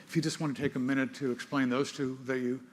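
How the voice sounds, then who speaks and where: An older man hosting an interview, speaking in a halting way with many pauses. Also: mid-range voice, level tone, slight background noise. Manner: halting, many fillers and restarts. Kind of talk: interview host conversation.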